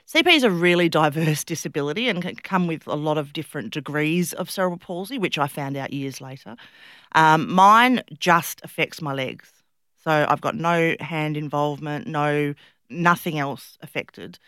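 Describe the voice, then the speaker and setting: A middle-aged woman with an Australian accent, chatting and telling stories as an interview guest in an animated, self-deprecating way. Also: low voice, moderate pace, no room sound, studio quality. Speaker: interview guest, public speaker and former competitive swimmer. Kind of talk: casual conversational interview, storytelling.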